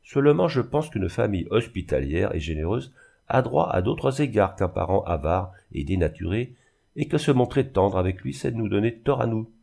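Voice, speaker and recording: A man's voice: fairly low pitch, animated, moderate pace, vocal fry, a little mellow. A man voicing a proud older widow in a reading of a classic novel, speaking coldly and curtly, with emphasis. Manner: cold, curt, emphatic.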